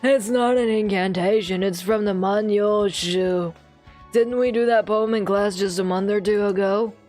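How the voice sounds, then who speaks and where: A woman's voice: medium pitch, steady tone, measured pace, soft background music, close to an everyday voice. Woman putting on a frail, timid very old man. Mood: gentle. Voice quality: very old man's voice. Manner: hesitant, mournful, fragile, gentle. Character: sleepy, timid male teacher with old man voice, frail, gloomy. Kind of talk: visual novel character reading.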